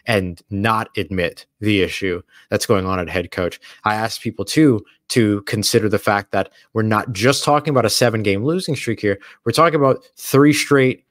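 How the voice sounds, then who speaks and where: Speaking at a normal speed with hardly any pauses, a man with a lowish voice co-hosts a sports analysis chat, explaining his views earnestly and methodically. The sound is clean and studio-like with no room sound, recorded in a hotel or studio room away from home.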